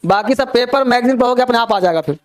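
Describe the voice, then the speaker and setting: A male teacher explains grammar to a class, often asking quick check questions and mixing in English examples. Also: very high voice, smooth. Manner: asks frequent check questions.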